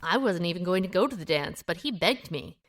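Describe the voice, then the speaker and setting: A woman with a fairly low, expressive voice speaks a little fast as she acts audio drama dialogue, playing a guarded, independent small-town amateur sleuth. Her manner is wry and reserved, and her mood is reluctant and reflective.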